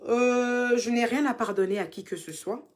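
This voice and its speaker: A young Ivorian social media personality reads fan questions aloud and answers them in a casual live session, her Ivorian French accent clear. She's chatty, teasing and affectionate, calling fans "ma chérie" and sometimes dropping into soft, quiet asides. Her voice is on the high side at normal speed.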